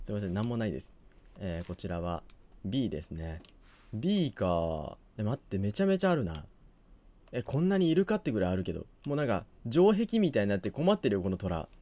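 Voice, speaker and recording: A hoarse man giving quiet, low-key commentary on a game he is playing, muttering to himself as he goes. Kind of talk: quiet let's-play commentary.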